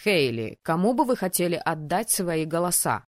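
A woman's voice: on the low side, very animated, normal speed, no room sound, studio quality. A woman reading an audiobook who voices a stern, cold male dean of a magic academy, speaking in a clipped, commanding, formal way. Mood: curt. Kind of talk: audiobook character voice.

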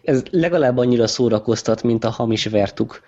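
A man's voice: medium pitch, mellow, slight background noise. A man with a mid-range voice, delivering dry, ironic quips in casual tech banter. The sound is dull and lo-fi. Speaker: podcast co-host. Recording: dull lo-fi podcast recording.

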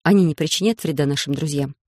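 Storybook: worried young girl, soft questions, voiced by the reader, dry close mic. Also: medium pitch, fast, dry recording, voice pushed down, natural voice. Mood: curious. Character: anxious curious young girl.

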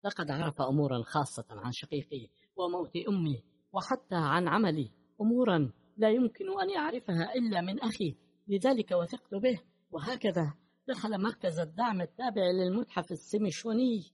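A man voicing a shaken grieving woman, raised pitch. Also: expressive, brisk, a little mellow, husky. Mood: tense. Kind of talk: audiobook character voice.

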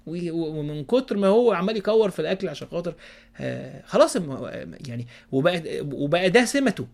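A man with an Egyptian accent preaches in an easygoing, folksy way and keeps checking in with his listeners. His voice sits a little high, and his words tumble out fast, with many restarts. At times he sinks to a soft, hushed tone. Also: lively intonation, gravelly. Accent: Egyptian Arabic. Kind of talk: casual religious advice talk.

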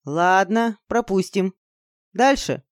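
A woman's voice: mid-range voice, lively intonation, slow, dry recording, clean studio sound. A woman voicing a bold, reckless young heroine in an audiobook, who gives orders in a brash, commanding way.

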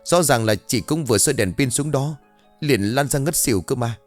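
A man's voice: mid-range voice, moderate pace, soft background music, voice pushed up, close to an everyday voice. A man voicing an anxious neighbor woman who pleads with and questions her friend in a spoken ghost story.

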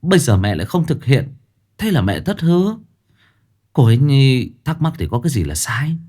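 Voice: medium pitch, sing-song, normal speed, mellow, slightly rough, pitched above the performer's own voice. A storyteller voicing a meek young husband who hesitates and stammers as he placates his mother and wife. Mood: pleading.

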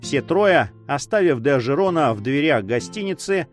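A man narrating an adventure novel as an audiobook, expressive and animated. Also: on the high side, normal speed, faint music behind. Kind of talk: audiobook reading.

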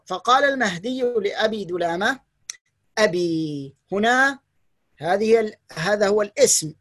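A teacher giving a patient, step-by-step grammar lesson online, repeating key rules slowly and often praising and blessing the students. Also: medium pitch, dry recording.

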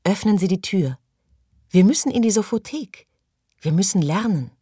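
A woman reading the part of an eager, knowledge-hungry woman in an audiobook, urgent and excited. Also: medium pitch, normal speed, vocal fry, no room sound, clean studio sound, pitched above the performer's own voice.

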